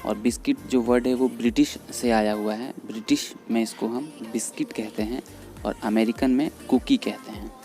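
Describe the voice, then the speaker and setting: A man explaining English vocabulary in Hindi, patiently repeating each word slowly. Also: medium pitch, fairly even intonation, warm tone. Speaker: English teacher. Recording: faint background music under voice. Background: faint background music.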